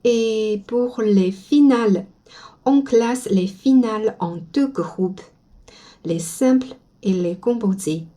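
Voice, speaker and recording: A woman whose first language is Chinese, teaching pronunciation slowly and modeling each sound for learners to repeat. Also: a little high, dark tone. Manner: slow and careful, models sounds for repetition. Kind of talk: slow spoken language lesson.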